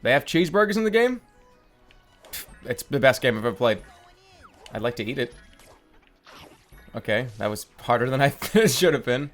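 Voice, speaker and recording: Animated, sarcastic man commentating on gameplay. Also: mid-range voice, normal speed, long pauses, faint music behind. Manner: sarcastic, incredulous, profane. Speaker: gaming video host.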